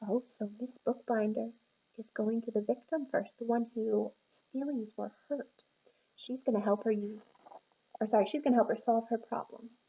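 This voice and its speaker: A woman teacher reading a picture book aloud to young children, encouraging and pausing to ask them questions. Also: on the high side, steady tone, dark tone, lo-fi sound.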